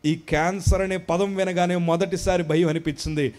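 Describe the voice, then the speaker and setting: High-voiced man giving an impassioned testimony. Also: steady tone, normal speed. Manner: impassioned, swings between hushed and loud. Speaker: testimony speaker at a worship service. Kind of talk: emotional spoken testimony. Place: live worship gathering. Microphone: handheld microphone.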